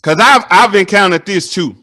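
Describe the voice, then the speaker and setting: A man, hosting a casual interview and telling animated stories that act out the dialogue. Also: sits high, normal speed. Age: 30s. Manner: animated storytelling, acts out dialogue.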